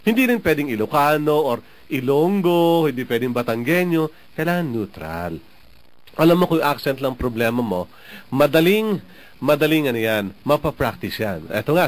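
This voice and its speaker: A man from the Philippines hosting a program, giving casual advice to listeners in a chatty way, often tagging "no?" onto his sentences. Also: a little high. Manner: chatty, often adds "no?" and laughs. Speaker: radio program host.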